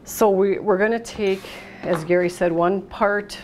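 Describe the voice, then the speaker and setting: Her voice is medium-pitched, steady and unhurried: a middle-aged American woman hosting a casual cooking demonstration. She explains each step calmly as she works at a steel worktop in an indoor kitchen. The recording is noisy with kitchen sound and clattering dishes.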